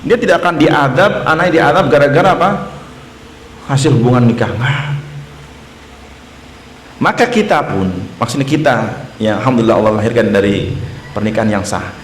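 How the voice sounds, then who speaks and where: Male ustadz, mid-pitched, conversational mosque lecture, roomy echo and faint hum behind. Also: animated, normal speed, pauses often. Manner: conversational, asks the audience rhetorical questions. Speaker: ustadz teaching a mosque study circle. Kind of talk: casual Islamic study lecture. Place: mosque hall. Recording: echoey mosque room, faint ambience.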